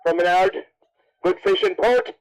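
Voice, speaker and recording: A man's voice: high voice, unhurried, clean tone, low-quality recording. An Irish man working as MC at an event, announcing and interviewing people in a jokey, teasing way. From Cavan, Ireland. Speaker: MC of a best dressed contest at horse races. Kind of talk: announcing and interviewing over a public address.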